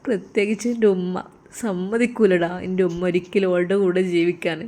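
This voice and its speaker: A woman's voice: fairly low pitch, little pitch movement, normal speed, close to an everyday voice. Woman voicing a weeping heartbroken young man. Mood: grieving. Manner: tearful pleading, softening to hushed begging.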